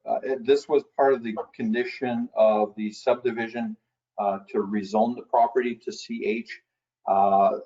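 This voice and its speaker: A man's voice: lowish voice, dark tone, muffled recording. A man on municipal staff reporting procedure to council, hesitant and full of fillers.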